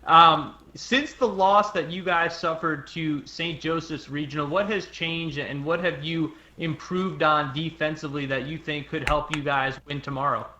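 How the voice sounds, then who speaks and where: A man's voice: on the high side, steady tone, normal speed, few pauses, bright, forceful tone, echoey room, muffled recording, slight background noise. A man working as a sports analyst, answering questions in a knowledgeable, breezy way. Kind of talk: studio sports talk.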